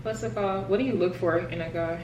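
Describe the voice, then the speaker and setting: A woman hosting a casual mukbang vlog, chatting in a relaxed, slangy way. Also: on the low side, fast talker, reverberant, background noise. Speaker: vlogger host.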